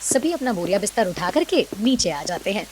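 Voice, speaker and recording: A woman's voice: mid-range voice, sing-song, brisk. A woman narrating a family story in a plain, matter-of-fact storytelling voice.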